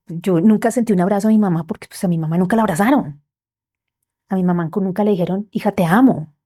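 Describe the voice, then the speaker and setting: Her medium-pitched voice frequently falls to a gentle near-whisper as she tells a heartfelt personal story on a podcast where she's the guest.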